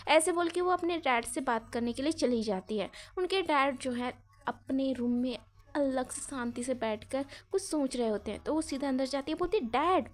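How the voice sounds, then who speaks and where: High-voiced chatty story narrator woman. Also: moderate pace. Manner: chatty, mixes English into Hindi, many fillers. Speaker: storyteller, channel host. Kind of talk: read-aloud audio story narration.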